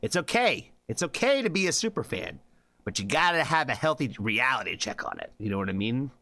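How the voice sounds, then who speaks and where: On a music reaction livestream, a man talks a little fast in a medium pitch with big swings and a sharp tone. The chat is casual and laid-back, wandering with lots of fillers, free swearing, and frequent "you know what I mean?" checks.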